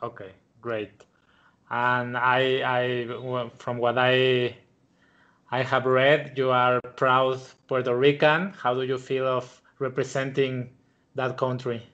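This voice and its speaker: Podcast host on a headset in a small room, flat slow voice, dull call sound. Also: male voice, medium pitch. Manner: slow, halting questions. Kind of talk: interviewer on a video call. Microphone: headset on video call. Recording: dull lo-fi video call audio.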